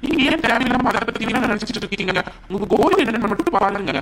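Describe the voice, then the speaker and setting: A woman's voice: on the high side, lively intonation, quick pace, background noise, lightly acted. A woman voicing a kind, earnest young male college student in a cartoon, reassuring and sincere. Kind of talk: cartoon dub acting.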